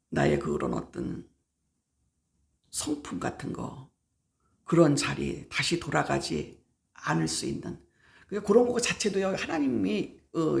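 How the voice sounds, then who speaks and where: Low-voiced with vocal fry, a middle-aged woman pastor delivers a sermon at a prayer meeting. She is emphatic, leaning on repeated key words and acting out everyday exchanges.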